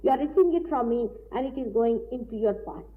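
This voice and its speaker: Woman teacher, slightly high voice, paced, pausing lecture; tinny old tape with light hiss. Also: expressive. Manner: deliberate, explanatory, with frequent pauses. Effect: old tape recording. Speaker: spiritual teacher.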